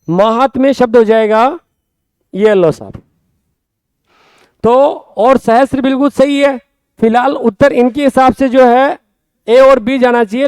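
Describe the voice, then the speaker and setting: Teaching a Hindi grammar lesson, a Rajasthani-accented man with a very high, smooth, resonant and slightly mellow voice spells out words slowly and says them again. He keeps tossing quick questions to the class. The sound is captured close and dry, without any room tone.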